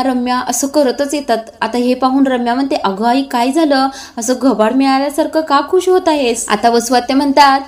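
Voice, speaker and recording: A woman retelling a TV serial episode, narrating the scenes and reading out each character's lines in a steady storytelling voice, with small filler sounds between phrases. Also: high voice.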